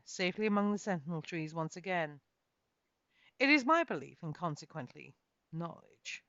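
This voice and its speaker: Recorded at home with a muffled, echoey sound, a woman dramatically narrates her own fantasy novel in the first person. Her voice is lowish with a bit of brightness.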